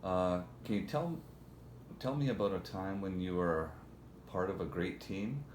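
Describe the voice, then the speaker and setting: A man's voice: sits low, measured pace. A man acting as interviewer, putting formal prepared questions to a candidate. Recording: echoey room, faint background noise.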